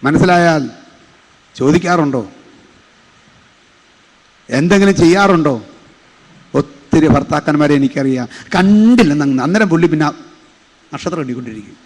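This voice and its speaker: A male pastor delivers a sermon in a church sanctuary, his fairly high voice ringing out with a long hall reverb. He keeps breaking in with "praise God, hallelujah" between points. It sounds like a live stream of a church service. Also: expressive, moderate pace, pauses often. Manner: preaching with frequent "praise God, hallelujah" interjections.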